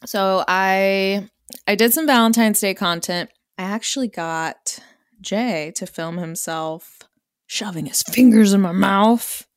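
A woman's voice: medium pitch, takes it slowly, no echo, studio quality. A woman hosting a podcast as an adult content creator, speaking candidly in an intimate, informal style. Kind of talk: casual podcast chat, then reading an erotic message aloud.

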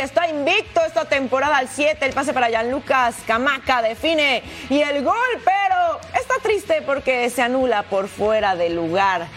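Female football highlights presenter, high voice, excitable calls, music bed underneath. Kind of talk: football highlights narration over match clips. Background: background music.

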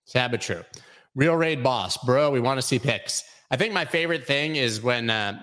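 A man's voice: medium pitch, animated, moderate pace, fairly bright tone. A man in his forties hosting a casual crypto show, rambling and joking as he reads chat comments aloud. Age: 40s. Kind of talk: casual live-stream chat.

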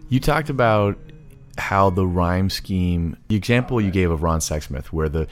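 Deep-voiced man asking questions. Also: lively intonation, moderate pace, faint music behind. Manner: inquisitive, prompting others. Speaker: podcast co-host. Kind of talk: casual chat about songwriting.

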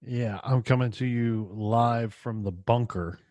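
Male true crime podcaster as guest, mid-range pitch, relaxed chat format, very little room sound. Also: unhurried, no echo. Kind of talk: casual chat.

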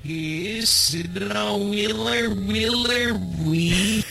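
Man's voice played backwards, high and gravelly. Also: takes it slowly, heavy background noise. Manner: garbled, slurred syllables. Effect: his own speech played backwards. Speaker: radio host.

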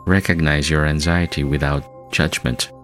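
A man hosting a guided meditation, speaking in a soft, soothing, hushed manner with long calming pauses, like a spa relaxation track. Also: a bass voice. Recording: voice over New-age music. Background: New-age music.

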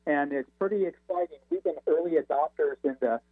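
A man's voice reaches us over a crackly phone line that keeps fading in and out. It sits a little high for a man and is thin and tinny, with no room around it. He talks with hesitant fillers and restarts. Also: fairly quick, breathy edge, no room sound. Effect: crackly phone line that fades in and out. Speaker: radio show guest. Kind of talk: casual explaining. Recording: tinny, breaking-up phone call.

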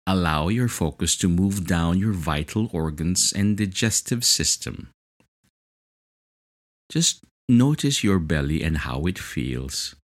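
A very deep-voiced man leads a hypnotic relaxation session, speaking at a slow, soothing pace. Even so, his pitch moves up and down quite lively as he guides the listener.

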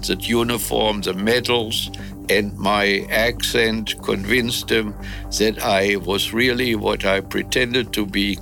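Elderly man, low voice, very slow unhurried telling, faint music underneath. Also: vocal fry, pushed and bright. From Germany. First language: German. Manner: slow and measured, with hesitant "uh" pauses. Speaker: war veteran interviewee. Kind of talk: recounting memories in an interview.

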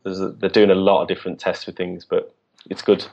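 Male podcast guest, very low voice, halting chatty delivery, muffled lo-fi sound. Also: monotone, gravelly, darkish tone. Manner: halting, many restarts and fillers. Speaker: guest, business co-founder. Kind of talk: casual podcast interview.

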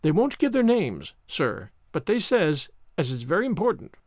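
A man voicing a working-class landlady who speaks deferentially, with rough grammar. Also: high voice, very animated, normal speed, dry recording, clean studio sound. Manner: ungrammatical, deferential.

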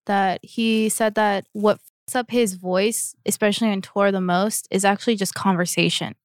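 A woman's voice: mid-range voice, steady tone, moderate pace, no room sound, clean studio sound. A woman hosting a podcast, asking her guests friendly questions in a casual chat and laughing often. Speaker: podcast host.

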